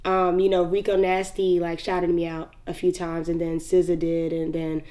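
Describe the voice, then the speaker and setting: A woman's voice: fairly low pitch, level tone, normal speed, dark tone. A young woman from North Carolina with a Southern accent, a rapper telling stories in an interview, laid-back and laughing often, with lots of "like". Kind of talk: casual interview storytelling.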